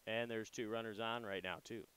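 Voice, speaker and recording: This young adult radio announcer delivers casual baseball play-by-play and commentary from a ballpark booth. He's brisk and chatty with loose fillers, and his fairly low voice has a clean tone.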